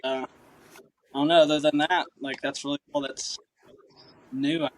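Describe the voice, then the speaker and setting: A man's voice: a little high, moderate pace, no room sound. A man in his thirties from Kentucky with a Southern accent, chatting casually as a podcast guest and rambling with lots of uh and um. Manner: relaxed, rambling with many uh and um. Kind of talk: casual chat.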